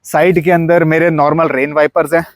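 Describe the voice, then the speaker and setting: A man's voice: a little high, flat delivery, fairly quick, dry recording. Chatty Indian man showing off his car. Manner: chatty, mixes Hindi and English, points things out. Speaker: car modification vlogger. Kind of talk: casual walkaround vlog.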